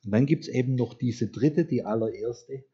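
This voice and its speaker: Male preacher with a mid-range voice, telling the story in a chatty way and slowing down for scripture, on a dull, lo-fi recording. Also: mid-range voice, mellow, husky. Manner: conversational storytelling, slows down to read scripture. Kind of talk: sermon.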